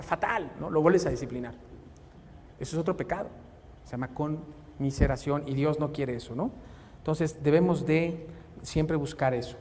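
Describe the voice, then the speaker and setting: A man's voice: high-pitched, a little mellow. Mexican man preaching in an echoey hall. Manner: anecdotal, fires rhetorical questions at listeners. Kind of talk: church talk. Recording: long hall reverb, faint background noise.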